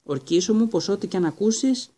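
A man doing a worried wizard father, hushed. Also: animated. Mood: pleading. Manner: low, hushed and urgent. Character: earnest, worried middle-aged wizard father.

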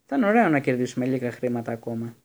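A man's voice: medium pitch, big pitch swings. Ron, a man voicing a blunt teenage boy. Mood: eager. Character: hot-tempered teenage boy.

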